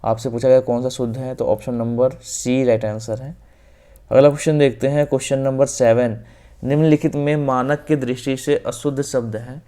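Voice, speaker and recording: A man with a North Indian Hindi accent teaching exam-prep grammar in a steady, flat delivery. His voice is dark and mellow, and he works through each question methodically, repeating the answers. His phrases often trail off softly at the end. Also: mid-range voice, moderate pace. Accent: Hindi-speaking North Indian. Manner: explains step by step, repeats answers, often says "ok".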